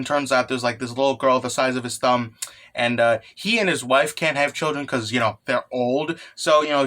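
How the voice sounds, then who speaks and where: Male manga recap host, excited anime fan, slightly high, punchy bright voice, informal and irreverent. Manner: often tags phrases with "okay" or "right". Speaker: host of a manga chapter review channel. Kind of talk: casual fan recap commentary.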